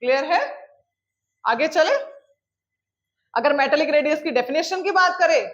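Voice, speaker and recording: A chemistry teacher with a high-pitched, fairly bright voice gives a classroom lecture, slowing to dictate definitions and mixing English phrases into her explanations. She often checks in with "clear?" and calls students "beta". The recording is a little dull and lo-fi.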